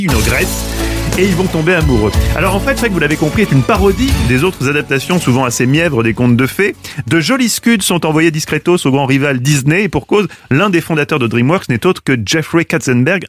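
A man's voice: on the high side, no echo. A man giving a comic radio chronicle in a playful, teasing, slangy way at a studio microphone, with faint music behind. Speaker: radio columnist.

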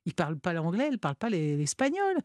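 A guest on a radio talk show spins lively anecdotes in a chatty, conversational way and slips in wry asides. The voice sits at a middling pitch. The sound is dry and close, with no room echo. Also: fast talker. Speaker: guest storyteller.

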